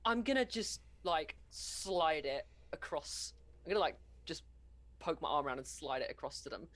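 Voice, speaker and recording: A woman plays in a tabletop spy game. Her voice is fairly low, and she speaks hesitantly, working out her actions aloud. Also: expressive, normal speed, fairly bright tone. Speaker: player. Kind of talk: casual tabletop play.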